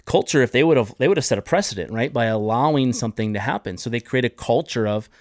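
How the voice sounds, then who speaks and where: A podcast host speaks in a mid-range voice, animated and fast, telling a personal story with earnest, heartfelt feeling and often restarting his sentences. It's a casual podcast conversation recorded with clean studio sound and no room noise.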